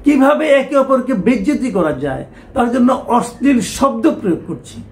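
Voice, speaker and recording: A man's voice: very high-pitched, animated, moderate pace, a little mellow, slight background noise. A middle-aged man, giving a talk show political commentary with emphatic rhetorical questions.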